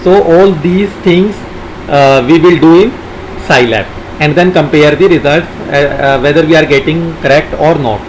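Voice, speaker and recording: A man narrating a software tutorial as an instructor, haltingly dictating code and formulas piece by piece. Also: a little high, slight background noise, rough recording.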